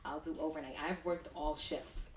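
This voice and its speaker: Brief: young woman, low voice, chatty nurse host, roomy echo, sits back from the mic, faint hiss. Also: normal speed. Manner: chatty, animated when acting out patients. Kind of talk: casual chat answering questions. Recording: echoey room, distant mic, faint noise.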